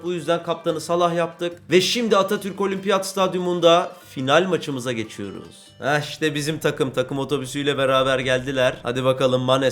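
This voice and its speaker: A young man commentating his own football video game, swinging from low mumbling to loud shouts at his players. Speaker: gaming YouTuber.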